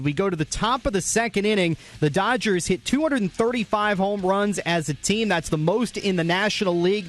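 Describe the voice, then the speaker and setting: Working as a radio host, an American-accented man with a high-pitched voice walks listeners through the highlights of a game in a sports recap.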